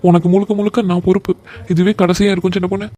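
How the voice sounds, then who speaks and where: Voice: mid-range voice, flat delivery, racing, dark tone, close to an everyday voice. A voice actor playing a meek young husband in a cartoon comedy, pleading and apologetic. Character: meek young husband caught between wife and mother.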